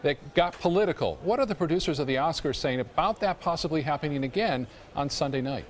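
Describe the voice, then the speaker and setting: A man's voice: a little high, lively intonation, quick pace, slight background noise. An American man anchoring a broadcast news programme and putting questions to a reporter.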